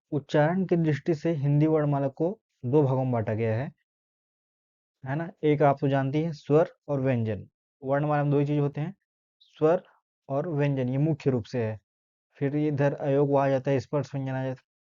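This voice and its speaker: A male teacher giving a grammar lesson, explaining step by step and slowly sounding out letters, often checking in with his listeners. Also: a little high, warm tone. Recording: dull lo-fi sound.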